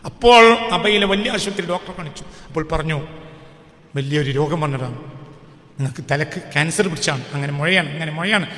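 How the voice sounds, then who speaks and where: A man preaching a fiery sermon, swinging between shouting and low muttering and firing rhetorical questions. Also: fairly quick. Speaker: Islamic preacher. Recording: echoey hall with long reverb.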